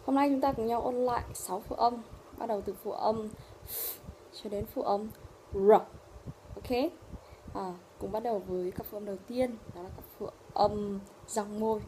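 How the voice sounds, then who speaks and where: A woman with a Vietnamese accent teaching English pronunciation. She explains in Vietnamese and says each English word slowly and loudly. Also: mid-range voice, fairly even intonation, slight background noise. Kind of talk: pronunciation lesson.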